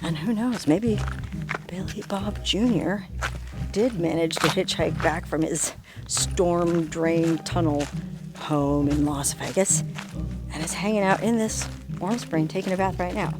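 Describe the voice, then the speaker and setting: A woman's voice: fairly low pitch, unhurried, loud music behind the voice. A woman travel vlogger talking outdoors in a desert canyon, in a casual, playful and jokey way. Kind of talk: casual vlog narration.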